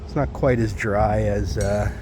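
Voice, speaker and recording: A man's voice: fairly low pitch, steady tone, unhurried. A man giving a casual, easygoing walking-tour commentary, recorded outdoors as he walks. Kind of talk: casual walking vlog narration. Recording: clear outdoor traffic and ambient noise.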